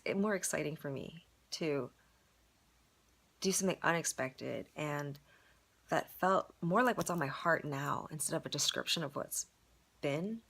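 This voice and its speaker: A woman's voice: sits low, a bit bright, breathy edge. A woman musing aloud in a casual, rambling monologue, reflecting on a storytelling performance and full of "like" and "you know".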